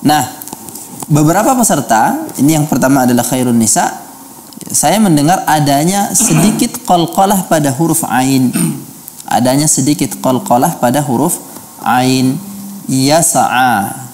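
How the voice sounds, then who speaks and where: A man judging a Quran recitation contest, giving careful feedback and slowly chanting words to show the right pronunciation. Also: fairly high pitch, animated, a little mellow. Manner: deliberate, slowly chants Arabic words to model them.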